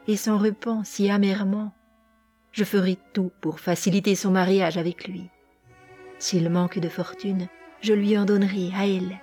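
A woman doing a gentle, tender young princess. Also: medium pitch, natural voice. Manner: soft, tender and earnest. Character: gentle, devout young princess, sad and resolute. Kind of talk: audiobook character reading.

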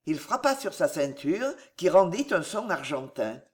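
Slow, measured audiobook narrator. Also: medium pitch, sing-song. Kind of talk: scripted narration.

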